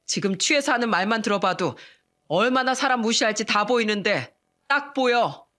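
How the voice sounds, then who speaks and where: A woman's voice: on the high side, animated, moderate pace, bright, forceful tone. A protective husband, as a female storyteller voices him, speaking in a firm, stern, no-nonsense way in this storybook drama.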